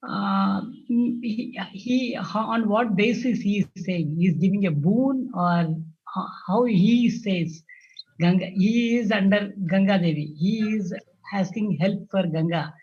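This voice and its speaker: A man asking his teacher a question in class, halting and searching for words. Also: high-pitched, darkish tone, husky, dull audio.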